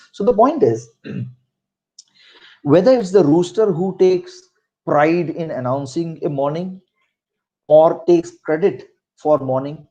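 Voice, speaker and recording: In a recording with the highs cut off, a middle-aged Marathi-accented man from Maharashtra, India speaks in a mellow, higher-than-average voice. As an interview guest and senior corporate executive, he offers career advice through stories, conversational and emphatic, often repeating phrases for stress.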